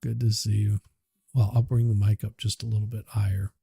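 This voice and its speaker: Speaking in a fairly low, gravelly voice with little pitch movement, this man sounds dark-toned and slightly rough. He's hosting a livestream, chatting unhurriedly and muttering as he works on his audio with a cheap USB microphone. The sound is studio quality with no room sound.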